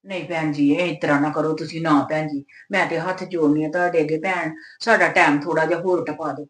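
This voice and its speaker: A woman's voice: mid-range voice, fast talker, a little mellow, natural voice. A woman playing a submissive tenant who pleads with her landlady. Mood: pleading. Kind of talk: skit acting.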